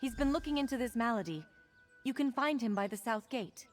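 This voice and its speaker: An actress voices a caring, slightly stern healer woman from a fantasy game. Her voice sits a little high and she speaks in a measured, polite, earnest manner. Soft music plays under her. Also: expressive, lightly acted. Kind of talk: video game quest dialogue.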